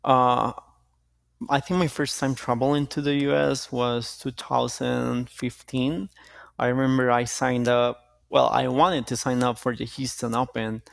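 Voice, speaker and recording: Gravelly-voiced young man in a dry interview. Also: mid-range voice, no echo. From Costa Rica. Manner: relaxed, halting, with restarts. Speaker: jiu-jitsu athlete, guest. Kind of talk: casual interview answers.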